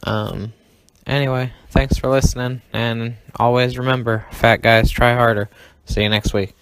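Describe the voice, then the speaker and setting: A man signing off his casual podcast in an easy, unhurried way. His voice is smooth and clean, and he pauses now and then with a soft "um." The sound is dry and close to the mic. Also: mid-range voice, no echo. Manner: slow, relaxed, a little hesitant with ums. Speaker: podcast host.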